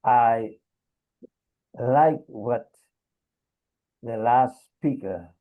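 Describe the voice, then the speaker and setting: A middle-aged man from Trinidad, speaking haltingly in a casual discussion with many pauses and fillers. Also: mid-range voice. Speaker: discussion participant. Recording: tinny phone-like video call audio.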